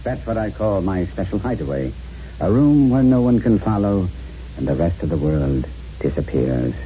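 Courtly eccentric castle owner, dark swooping voice. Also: male voice, sits low, very animated, normal speed. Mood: genial, mysterious. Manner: theatrical, courtly, musing. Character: genial eccentric male castle owner, a theatrical host. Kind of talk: 1970s radio drama acting. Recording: dull lo-fi radio recording, faint noise.

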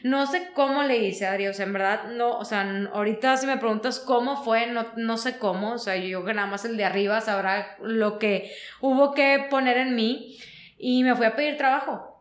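A woman recounts her path in an interview, animated and sprinkled with fillers. Her voice sits a bit high for a woman. The recording sounds echoey, as if the room bounces her words back. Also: moderate pace. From Mexico. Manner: animated, frequent fillers like "o sea" and "¿no?". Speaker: guest, HR consultant. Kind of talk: conversational interview storytelling.

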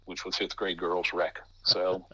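A man's voice: deep voice, flat delivery, unhurried, bright, forceful tone, breathy edge, poor audio. A man who referees basketball, telling a story about himself with dry, understated humor. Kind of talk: casual anecdote telling.

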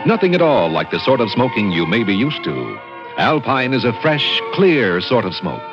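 Male old radio announcer, ad pitch, very lively intonation, muffled vintage broadcast. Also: normal speed, music in the background. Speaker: commercial announcer.

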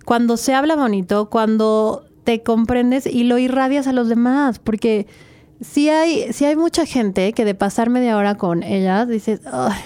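Chatty woman hosting, fairly high voice. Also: a little slow. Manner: lively, chatty, tells personal anecdotes. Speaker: podcast host. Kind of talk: conversational interview.

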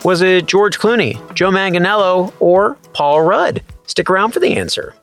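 A man's voice: sits high, animated, moderate pace, a bit bright, soft background music. A man hosting an entertainment show, reading scripted TV recommendations in an upbeat, playful promo style.

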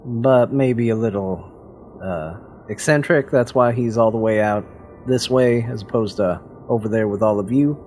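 A man's voice: medium pitch, moderate pace, a little mellow, soft background music. A man playing in a tabletop game, asking questions in character in a casual, conversational way.

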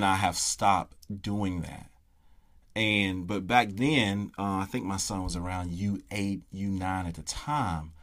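Middle-aged guy with a low voice doing a casual podcast monologue, leans hard on key words. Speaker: podcast host, soccer parent.

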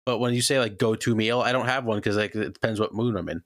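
A man's voice: on the low side, fast, dry recording, clean studio sound. A man in casual chat, answering quiz questions in a hesitant way, full of fillers. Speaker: guest.

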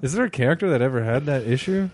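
A man's voice: medium pitch, animated, racing, darkish tone, no room sound. Joking male podcast host, dry sound. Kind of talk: casual joking chat. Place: small room, on a couch.

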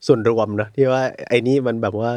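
A man co-hosts a podcast in loose chat, joking around and swearing freely. He fills pauses with short "mm" sounds while the other host talks. The recording is dry and close. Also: mid-range voice, steady tone, a little mellow, no echo. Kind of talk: casual chat.

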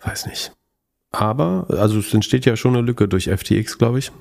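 A man's voice: mid-range voice, expressive, brisk, creaky, darkish tone. A man hosting a podcast, chatting casually and analytically about finance, often thinking aloud hesitantly.

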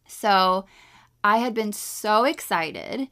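A woman's voice: medium pitch, lively intonation, slow pace, a bit bright. A woman hosting a parenting show, telling a personal story in a casual, candid way, full of fillers and wry humor. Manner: self-deprecating, wry humor. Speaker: podcast host and mom.

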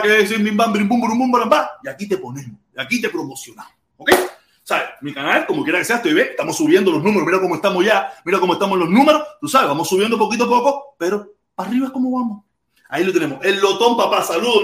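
A Cuban man with a Cuban Spanish accent hosting a live stream, talking in an animated, rambling way and often repeating himself. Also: high voice, reverberant. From Cuba. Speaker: livestream host. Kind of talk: casual live-stream commentary.

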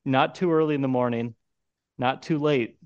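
A man's voice: mid-range voice, normal speed, clear, resonant tone, no room sound, lo-fi sound. A man co-hosting a casual golf podcast, teasing the others and giving mock tips to listeners. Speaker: podcast co-host. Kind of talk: casual chat.

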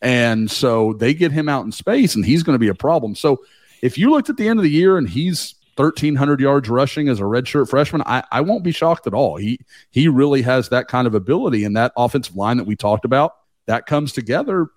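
A man talks sports on a podcast, loose and rambling with easy swearing. His pitch sits mid-range and the sound is dry and close. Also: brisk, no echo. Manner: animated, rambling, swears casually. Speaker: guest, team beat writer. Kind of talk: casual podcast chat.

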